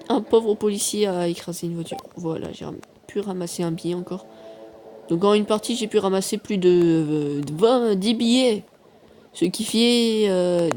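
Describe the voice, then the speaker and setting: Recorded on his phone's mic while screen recording, a YouTuber rambles through casual commentary on his mobile game, teasing himself and leaning on plenty of fillers. The voice sits high and a bit mellow, with a slight background hiss or hum.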